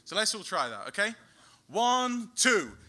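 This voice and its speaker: A man's voice: high-pitched, sing-song, a little slow. A young man chatting with the audience from a theatre stage, teaching them a sing-along in a chatty, self-deprecating way over a stand mic. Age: young adult. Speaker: student singer-songwriter performer. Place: theatre stage at an open-mic style show. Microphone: stand microphone on stage. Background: loud live electric guitar.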